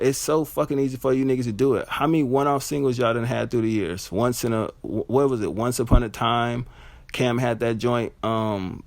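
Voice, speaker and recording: Gravelly-voiced man, blunt and profane. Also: no echo. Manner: blunt, profane, animated with high-pitched mock reactions. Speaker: music reviewer. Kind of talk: casual solo album review.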